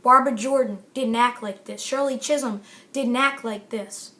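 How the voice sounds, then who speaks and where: A woman's voice: a little high, fairly even intonation, normal speed, pushed and bright. A middle-aged woman giving an impassioned motivational address to camera, emphatic and repeating phrases for stress. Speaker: author giving a talk to camera.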